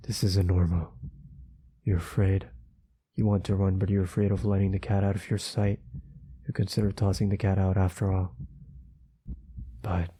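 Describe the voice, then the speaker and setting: Low husky man reading horror aloud. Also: mellow. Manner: reads quickly, stumbling, with nervous asides to viewers. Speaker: channel host reading a horror story. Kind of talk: second-person horror story read aloud.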